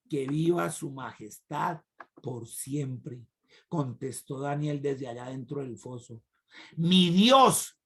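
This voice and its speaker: A man preaching a sermon, retelling a Bible story with lively swings from loud cries to quiet asides. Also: high-pitched.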